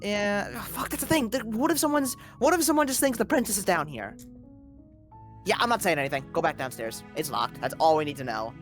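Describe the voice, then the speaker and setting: Animated woman streamer, mid-pitched. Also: fairly quick, soft background music. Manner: jokey, expressive, swears casually. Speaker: game streamer. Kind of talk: casual gaming stream chat. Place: voice call on a live stream.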